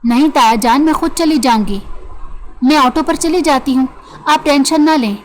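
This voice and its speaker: A woman voicing a timid young female student who speaks softly and nervously. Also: high-pitched, normal speed, natural voice. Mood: pleading. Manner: nervous, soft-spoken.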